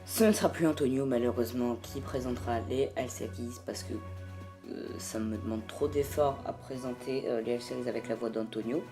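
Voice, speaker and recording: A woman's voice: rumbling low, moderate pace, over music. A woman hosting a homemade video, chatting in a rambling way with many fillers. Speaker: YouTube host. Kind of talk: casual homemade video commentary.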